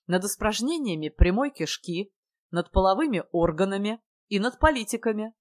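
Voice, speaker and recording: A woman's voice: mid-range voice, lively intonation, normal speed, close to an everyday voice. A woman voicing a young man who lectures in a mockingly serious tone. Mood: mock-serious. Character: pompous mock-serious young man, know-it-all.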